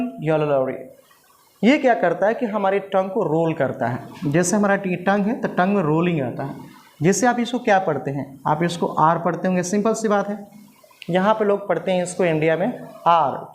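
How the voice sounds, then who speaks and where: A man teaching spoken English in a patient lesson style, repeating drills slowly and calling his viewers friends, standing at a writing board. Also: high voice. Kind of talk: classroom-style language lesson.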